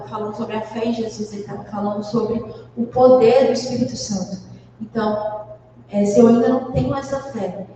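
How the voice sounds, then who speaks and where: A woman's voice: mid-range voice, noisy background. A Brazilian woman teaching a church Bible class, talking it through with many fillers and restarts. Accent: Brazilian Portuguese. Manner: conversational, thinks aloud with many fillers and restarts. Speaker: Sunday school teacher. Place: church hall. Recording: echoey church hall, mic far off.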